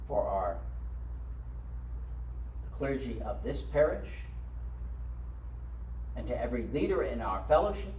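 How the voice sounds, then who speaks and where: A man in his sixties, a priest, reading set prayers at the altar in a measured, solemn way, recorded in a small chapel by a distant camera. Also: medium pitch, very animated, a little mellow, a little hiss or hum. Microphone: far camera. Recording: echoey room from far off.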